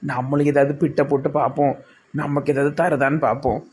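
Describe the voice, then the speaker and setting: A man's voice: mid-range voice, flat delivery, quick pace, darkish tone, close to an everyday voice. A man voicing a greedy, scheming village man in a comic cartoon, with a Tirunelveli Tamil accent, grumbling and whining to himself. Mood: sly.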